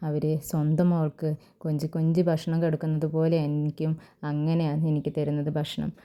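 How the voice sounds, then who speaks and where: A gentle young wife reassuring her worried mother, voiced by a woman recapping a story. The delivery is low, even and smooth, with a dark, mellow tone. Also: brisk, natural voice. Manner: soothing, reassuring.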